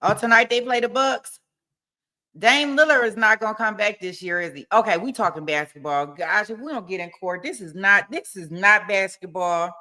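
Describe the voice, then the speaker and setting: Bright-voiced woman chatting casually on a livestream. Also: mid-range voice, moderate pace. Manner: colloquial, informal, folksy phrasing. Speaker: livestream host. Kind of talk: casual chat with viewers.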